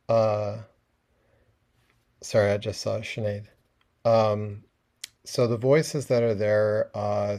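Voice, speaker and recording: A man speaks in a relaxed, conversational way, pausing often with small fillers. His voice sits low and sounds mellow and warm. It comes through the kind of microphone used on a video call. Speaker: webinar presenter. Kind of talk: casual educational talk.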